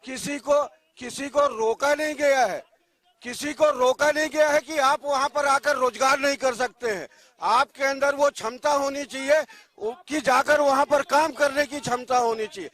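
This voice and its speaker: A man's voice: very high-pitched, fairly even intonation, moderate pace, fairly bright tone, no room sound. A man on a TV news debate panel defending the government, lecturing and repeating his points. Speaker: debate panelist, ruling party side.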